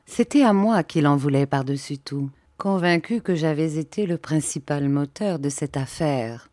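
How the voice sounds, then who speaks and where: A woman narrating a classic novel as an audiobook reader, in a measured, even manner. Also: low-pitched.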